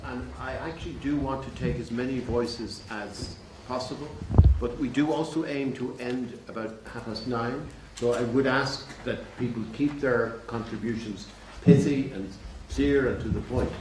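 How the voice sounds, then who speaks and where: A man chairing a public meeting in a measured, courteous, unscripted way. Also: mid-range voice. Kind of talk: unscripted moderating to an audience. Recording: echoey, distant, noisy room with clicks.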